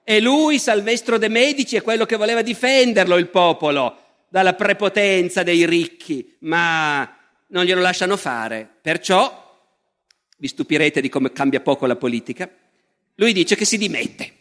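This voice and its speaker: A man gives a public history lecture in an animated, conversational manner and often speaks straight to the audience. His voice sits high and bright. A long reverb from a large lecture hall follows his words. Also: normal speed.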